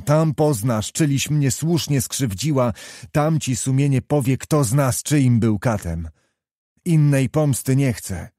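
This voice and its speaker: A proud, fiery young noble officer in an audiobook, pressing his case with vehement reproach, as a male reader gives him voice. The tone is dark and mellow, in a dry, close sound. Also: medium pitch, dry recording, lightly acted.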